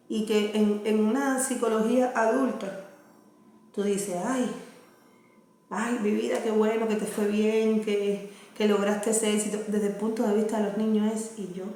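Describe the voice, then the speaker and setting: A woman's voice: mid-range voice, mellow. A Cuban woman in her thirties with a Cuban accent, talking earnestly and casually to camera as a vlogger and mother, often checking that the listener follows. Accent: Cuban Spanish. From Cuba. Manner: earnest, conversational, asks "¿me entiendes?". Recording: very echoey room, faint noise.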